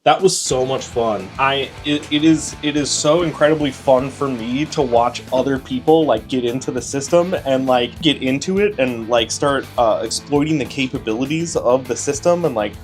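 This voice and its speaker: A man with a mid-pitched voice talks casually over faint guitar music. He sounds enthusiastic and slangy, like a host reacting to a video. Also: normal speed, hardly any pauses.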